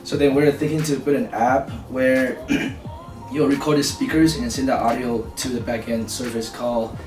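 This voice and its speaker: A man's voice: medium pitch, flat delivery, moderate pace. A young man from Taiwan, a student, describing his team's project in a hesitant casual interview with many fillers. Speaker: student team member. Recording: roomy, mic a bit far, music over.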